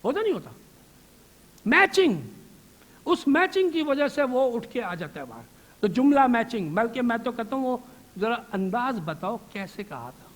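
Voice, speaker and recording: A man with a strikingly high voice delivers a religious lecture to a seated audience. He keeps asking rhetorical questions and answering them himself. He also mixes English words into his talk. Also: very animated, a bit bright. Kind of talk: Islamic lecture to a live audience.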